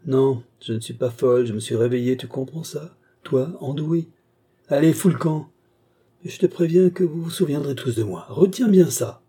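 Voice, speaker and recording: Brief: defiant, raised-voice woman murderer, harsh and taunting, played by a male reader, husky tone. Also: medium pitch, expressive, moderate pace, dark tone. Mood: fierce. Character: bitter, defiant village woman who killed her husband.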